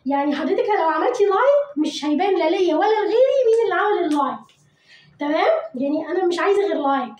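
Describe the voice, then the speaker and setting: A woman with an Egyptian Arabic accent teaching English vocabulary to children, repeating each word slowly and coaxing pupils to say it after her. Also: very high voice, animated, a little mellow, reverberant, slight background noise, poor audio.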